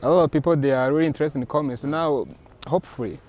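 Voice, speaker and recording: A man from Rwanda talks casually outdoors in a city setting, his voice sitting a little high for a man. He is animated and acts out the people he quotes. He speaks as a comics creator being interviewed. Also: fast.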